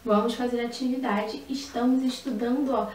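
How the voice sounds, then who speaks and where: Woman teacher, high voice, sing-song for young kids, recorded at a distance in a roomy space. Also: steady tone, a little mellow. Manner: sing-song, slow and emphatic on key words, with diminutives. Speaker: primary school teacher. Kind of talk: recorded online lesson for young children. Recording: echoey room, mic at a distance, faint ambient noise.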